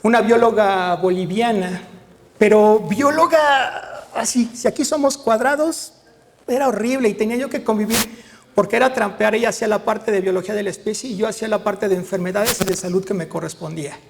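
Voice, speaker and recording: A middle-aged man with a Mexican accent, a veterinarian telling lively anecdotes to an audience and acting out the dialogue. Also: high voice, a little fast, vocal fry, long reverb tail, a little hiss or hum. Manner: lively storyteller, acts out dialogue, frequent tag questions. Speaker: veterinarian giving a talk.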